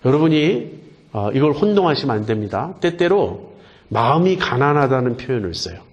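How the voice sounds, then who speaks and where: A male pastor preaches earnestly, posing questions and then answering them, slowing down to emphasize important words. His mid-range voice swings widely in pitch, and the audio sounds dull.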